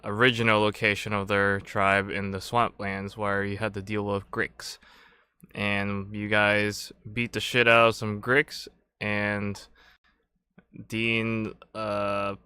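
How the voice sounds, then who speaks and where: A man's voice: on the low side, pushed and bright, clean tone, dry recording. A man running a tabletop game as game master, recapping and narrating in a loose, meandering way.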